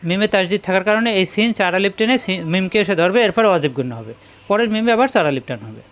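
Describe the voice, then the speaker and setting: High, clear-voiced male Quran teacher. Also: expressive, a bit bright. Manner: slow, drilling letter sounds one by one and repeating them; chanted elongated recitation of Arabic letters. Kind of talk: step-by-step pronunciation lesson.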